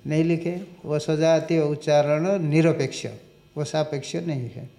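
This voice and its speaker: A man giving a scripture lecture, reciting Sanskrit lines slowly and explaining them, asking questions and answering them himself. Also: fairly high pitch, fairly even intonation, dark tone. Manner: slow and deliberate, recites Sanskrit and explains it in Hindi. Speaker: Vedanta teacher.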